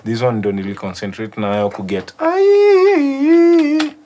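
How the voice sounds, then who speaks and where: A man's voice: high voice, fairly even intonation, takes it slowly, dark tone. A man with a Kenyan accent giving a casual studio walkthrough as a music producer, switching between languages. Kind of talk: casual studio walkthrough mixing English and Swahili.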